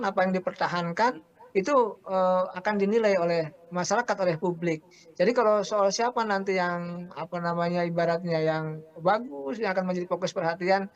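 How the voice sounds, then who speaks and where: A man speaking as a political analyst in a remote interview, deliberate and repeating phrases for emphasis. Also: high-pitched, highs cut off.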